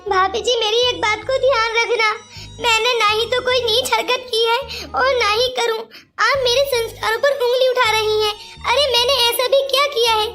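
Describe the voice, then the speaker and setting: A woman voicing a gentle, hurt young woman in a cartoon story, pleading and tearful. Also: extremely high pitch, fairly even intonation, normal speed, over music.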